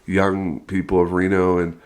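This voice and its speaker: Guesting on a laid-back podcast, this pastor from California, a man in his thirties, speaks at a measured pace in a lowish voice. He's cheerful and energetic, and laughter keeps slipping in among his fillers.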